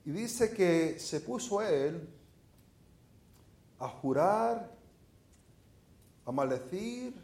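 A middle-aged Venezuelan man preaches a sermon with a Venezuelan Spanish accent, his voice sitting a little high for a man. He talks like he is telling a story to friends and keeps asking the congregation rhetorical questions. The sound is roomy, with the echo of a church hall. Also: lively intonation, drawn-out words, long pauses, a little mellow.

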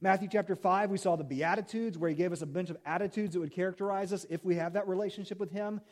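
Male pastor, middle-aged, high-pitched, chatty sermon, quizzes the congregation. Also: steady tone, fast. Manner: conversational, jokey, asks the congregation questions. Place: church sanctuary.

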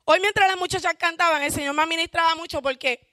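A woman's voice: very high-pitched, quick pace, dry recording, studio quality. A woman giving a fervent church testimony, calling out hallelujahs. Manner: self-described loud shouter.

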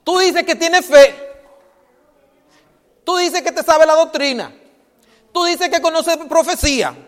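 Holding a handheld microphone, a very high-voiced man delivers a slow sermon, pushing his listeners with rhetorical questions. He swings from loud, forceful lines to hushed passages, each word trailed by the church hall's long reverb.

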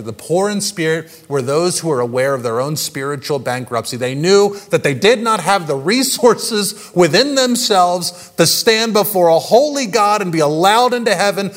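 A male pastor giving a sermon, telling stories with animation and swinging between loud and hushed delivery. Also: high-pitched, expressive, moderate pace, few pauses.

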